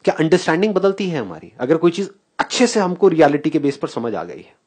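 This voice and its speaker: Animated man giving a lively live talk. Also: fairly high pitch, quick pace, slightly rough. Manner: animated, questioning, often laughing; mixes English phrases into Hindi. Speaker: spiritual speaker.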